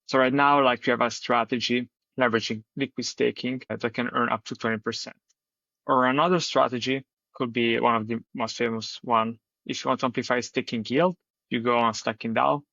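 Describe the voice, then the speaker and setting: A man's voice: mid-range voice, vocal fry, fairly bright tone, no room sound. A man on a choppy, robotic-sounding internet connection, explaining finance strategies step by step as a guest on a live audio show. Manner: methodical step-by-step explanation with frequent "like". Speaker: guest from a crypto staking project. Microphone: remote call connection. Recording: dull, lo-fi, dry call audio.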